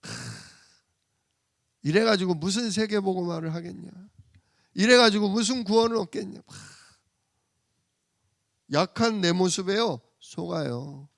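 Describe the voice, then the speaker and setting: A man preaching a sermon in church, asking rhetorical questions and answering them himself, swinging from loud emphasis to soft murmurs. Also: high-pitched, unhurried, gravelly, pauses often, no room sound, studio quality. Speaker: pastor.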